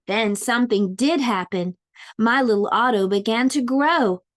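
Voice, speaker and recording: A woman reads a storybook to young children in a fairly high voice. Her narration is expressive and deliberate, stretching key words for drama, the way a preschool teacher would. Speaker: pre-K teacher reading a storybook aloud.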